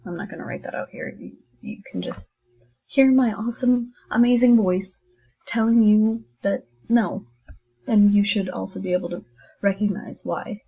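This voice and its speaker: A woman's voice: mid-range voice, normal speed, dark tone, husky, muffled recording. A woman teacher talking her class through a math lesson in a recorded distance-learning video, chatty and encouraging, thinking aloud as she writes.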